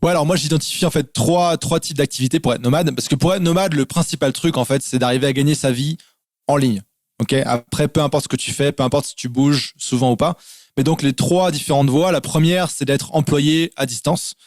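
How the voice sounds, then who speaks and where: A man's voice: fairly high pitch, brisk, no echo. Chatty French man, dry sound. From France. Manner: relaxed, explains in lists with many fillers. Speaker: guest. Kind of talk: casual interview over a call.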